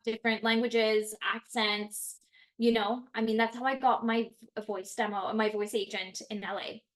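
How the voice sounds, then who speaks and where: A woman with a fairly high pitch speaks at a moderate pace. She's a French-speaking Canadian actress appearing as a guest, chatting casually in an animated, expressive way and laughing often.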